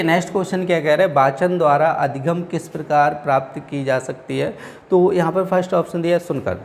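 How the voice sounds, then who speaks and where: A man's voice: fairly high pitch, slight background noise. A male teacher explaining exam questions step by step, often repeating a question back and answering it himself. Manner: repeats questions back to students, frequent "theek hai". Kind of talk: exam-prep lesson. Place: coaching academy class.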